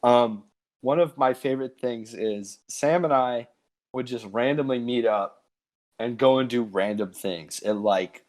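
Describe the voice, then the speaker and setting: A man's voice: medium pitch, unhurried, darkish tone. A young man co-hosting a casual podcast, telling stories loosely with lots of fillers. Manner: laid-back storyteller, lots of "like". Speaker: co-host.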